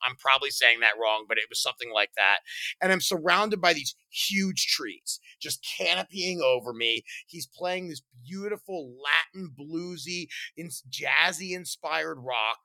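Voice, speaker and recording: Animated earnest young man, bright voice. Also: fairly high pitch, a little slow, no echo. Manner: animated, earnest, swings between loud bursts and quiet. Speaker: stand-up comedian. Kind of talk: reflective monologue.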